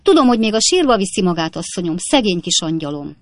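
A woman voicing a flustered, excitable young lady's maid who fusses and scolds in a shrill voice. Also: no room sound, natural voice. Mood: reproachful. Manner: shrill, fussing, reproachful.

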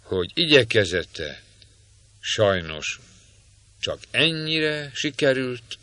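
A man narrating an audiobook in an expressive storytelling manner. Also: mid-range voice, no echo. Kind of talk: scripted narration.

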